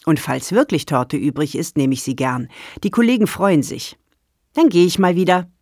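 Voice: medium pitch, normal speed, no room sound, close to an everyday voice. Narrator plays upbeat nurse, lifted friendly voice; dry close audiobook read. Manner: raised, bright caring tone. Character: cheerful care-home nurse woman. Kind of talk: audiobook character dialogue.

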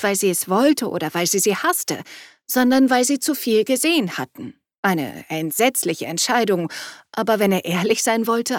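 Lady reading an audiobook, steady storytelling voice, dry close sound. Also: medium pitch, no echo. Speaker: audiobook narrator. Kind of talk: scripted narration.

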